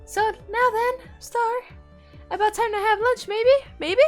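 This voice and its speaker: A woman voicing a cheerful, bubbly teenage girl in a visual novel, in a high, squeaky chirp. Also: steady tone, unhurried, faint music behind. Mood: chirpy.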